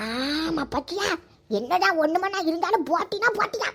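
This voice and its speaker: Very high-voiced woman, scolding and stammering, comic sketch. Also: expressive, normal speed. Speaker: comedy sketch performer.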